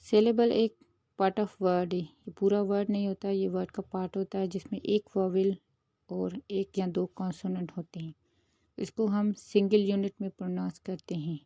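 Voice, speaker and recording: A woman, the host of her own channel, who explains a grammar lesson in a steady, patient way and mixes English terms into her Hindi. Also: mid-range voice, moderate pace, no echo. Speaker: teacher.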